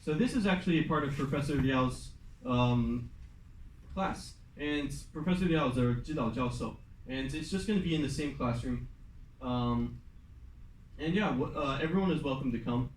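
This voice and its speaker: A man's voice: medium pitch, normal speed. Young guy running a club session, rambly with ums, mic kinda far off in a roomy classroom, faint hum behind. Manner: loose and chatty, many fillers, switches into Mandarin at times. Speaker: student club president. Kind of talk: casual club presentation.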